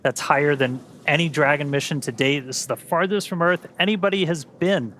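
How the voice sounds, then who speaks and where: A man co-hosting a live space mission webcast, giving an enthusiastic recap at a steady pace. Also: fairly high pitch, brisk, slight background noise. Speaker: webcast host. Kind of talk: live launch webcast commentary.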